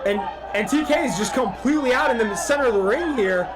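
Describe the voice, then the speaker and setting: A man doing excited, exclamatory live play-by-play commentary at a pro wrestling event. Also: extremely high pitch, fast talker, rough recording. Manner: shouted, exclamatory. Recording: loud crowd and music behind. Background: wrestling event crowd and music.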